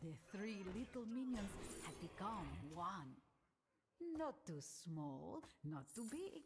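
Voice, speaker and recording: Unhurried, lilting storybook narrator. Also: female voice, mid-range voice, sing-song, noisy background. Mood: grand storytelling. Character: storybook narrator of a fantasy tale.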